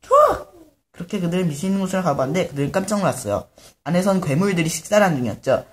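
A man's voice: high voice, expressive, rapid-fire, a little mellow. A man casually narrating a fairy tale, improvising loosely and correcting himself along the way. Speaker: storyteller.

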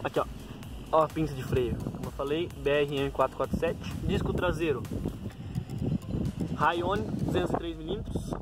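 A Brazilian man with a slightly high voice talks casually into a phone outdoors, with music behind him. He lists things informally, improvising and correcting himself as he goes. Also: steady tone, normal speed, pauses often, low-quality recording. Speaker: bike owner presenting a gear check. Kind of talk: casual vlog commentary, listing parts.

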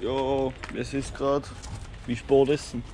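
A man's voice: medium pitch, level tone, takes it slowly. Young Austrian man, travel vlog, tipsy and casual, noisy night recording. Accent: Austrian German. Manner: loose, laughing, mixing in simple English. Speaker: travel vlogger.

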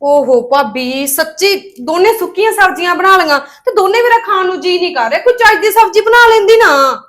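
Actress as a demanding young married woman: high voice, rapid, scolding. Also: lively intonation, fairly bright tone. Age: young adult. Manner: scolding, sulky, fault-finding. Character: demanding spoiled young married sister-in-law. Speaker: actress in a village family drama.

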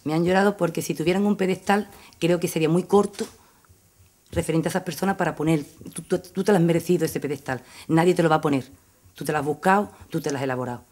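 A woman's voice: low-pitched, quick pace, darkish tone. A middle-aged Andalusian woman, a town councillor speaking informally at a press conference, repeating phrases for emphasis. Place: indoor press room. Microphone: table microphone.

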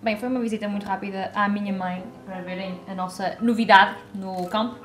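A young woman with a European Portuguese accent, chatting excitedly in a casual vlog filmed on a handheld camera. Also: mid-range voice, a little fast, faint music behind. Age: young adult. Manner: chatty, excitable, talks to her cat. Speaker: vlogger. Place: home kitchen and garden.

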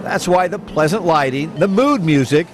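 A man's voice: on the high side, animated, moderate pace. A man narrating a local TV news report with a polished delivery. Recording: noisy broadcast audio.

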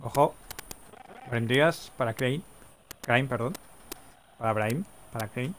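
Over a rough recording with a little hiss or hum, a man with a medium-pitched voice livestreams play-by-play for a football video game. He rattles off player names rapidly and breaks into long, drawn-out goal cries.

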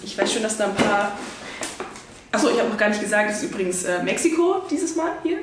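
A woman's voice: medium pitch, sing-song, brisk. Young woman host, giggly and chatty, distant mic in an echoey room with some noise. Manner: giggly, chatty, lots of fillers. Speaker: channel host. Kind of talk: casual snack-tasting chat. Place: indoor studio set at a table.

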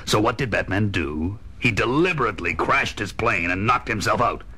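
An actor playing a menacing, pompous super-intelligent gorilla villain in a children's audio comic, taunting and deliberate. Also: male voice, on the low side, lively intonation, sharp tone, breathy edge, heavily acted. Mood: smug, mocking. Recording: music bed, 1970s record.

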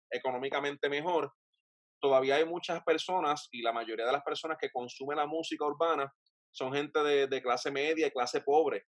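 Puerto rican host, dry close sound. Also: male voice, on the high side, no room sound. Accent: Puerto Rican Spanish. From Puerto Rico. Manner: thoughtful, long winding questions. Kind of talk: casual interview over video call. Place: home room with bookshelves, indoors. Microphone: webcam on a video call.

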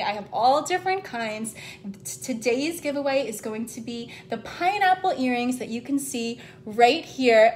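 A woman's voice: high voice, slight background noise. A young woman hosting a live vegan cooking stream from her home kitchen, gushing and upbeat as she reads out viewer comments. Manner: bubbly, gushing, upbeat, addresses viewers as "guys" and "love".

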